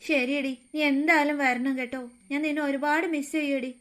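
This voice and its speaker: A woman's voice: high voice, steady tone, normal speed, fairly bright tone. A woman voicing an affectionate teenage girl friend in a cartoon story.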